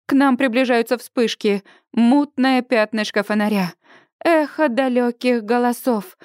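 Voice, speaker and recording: A woman narrating a first-person audiobook in an expressive, dramatic reading style. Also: fairly high pitch, a little slow, no echo, studio quality.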